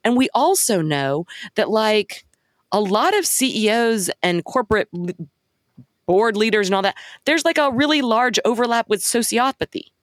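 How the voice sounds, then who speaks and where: A woman's voice: a little high, sing-song, moderate pace, dry recording, clean studio sound. A woman co-hosting a podcast, talking frankly and wryly in casual conversation, with many "like"s. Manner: frank, wry, lots of "like". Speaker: podcast co-host.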